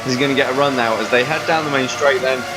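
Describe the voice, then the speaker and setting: A man's voice: mid-range voice, steady tone, fast, rough recording. A man commentating a sim race in a casual, bantering way, often correcting himself. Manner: chatty, self-correcting, bantering. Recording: music playing behind.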